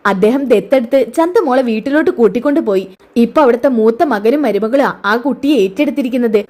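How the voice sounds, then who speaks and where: A woman playing a protective middle-aged housemaid in a storybook-style serial recap. She sounds guarded and scolding, her voice sitting fairly high. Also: a little mellow, lightly acted.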